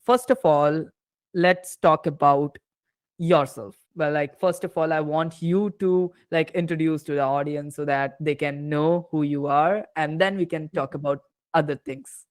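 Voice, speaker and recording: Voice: medium pitch, steady tone, measured pace, dry recording. A podcast host opening an interview, eager and rambling, with many fillers and restarts.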